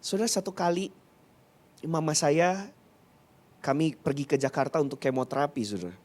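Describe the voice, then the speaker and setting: A man's voice: fairly high pitch, normal speed, darkish tone. A male pastor preaching a sermon, telling a personal story in an earnest, emotional way and often addressing the congregation directly.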